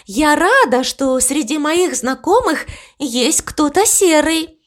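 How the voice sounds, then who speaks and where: A woman voicing a kind, motherly cow in a storybook reading, in a raised, gentle voice. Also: lively intonation, slow. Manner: high, gentle, encouraging.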